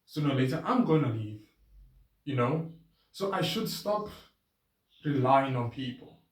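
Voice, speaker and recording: A man vlogging a casual, rambling self-reflective monologue, his voice drifting between a trained register and a softer natural one. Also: mid-range voice, lively intonation, a little slow. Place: outdoors with his bike. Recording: roomy, distant camera sound.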